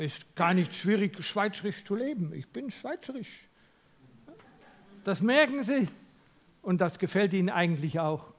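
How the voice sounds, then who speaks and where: A Dutch man with a high voice and a Dutch accent preaches a sermon to his congregation. He speaks emphatically, poses questions to his listeners, and swings from loud to almost a whisper.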